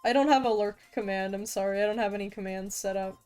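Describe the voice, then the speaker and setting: Talking fast in a medium-pitched, slightly mellow voice, a young VTuber art streamer draws live and chats casually with her viewers, frequently stuttering and starting sentences over. Faint music plays behind her.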